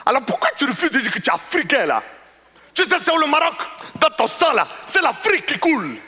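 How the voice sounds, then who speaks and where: A man voicing a pushy, proud, easily offended male customer who lectures loudly in a stand-up comedy bit on a large theater stage. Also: very high-pitched, fairly quick, voice pushed up, exaggerated voice. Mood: lecturing. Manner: indignant, lecturing, rising to excited outbursts. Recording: stage mic with hall reverb, faint noise.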